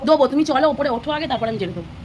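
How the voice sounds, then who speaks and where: High-voiced mother coaching her child at home. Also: animated, very fast, very noisy. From Bengal. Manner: patient, repeating instructions gently. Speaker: mother vlogger. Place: home, indoors.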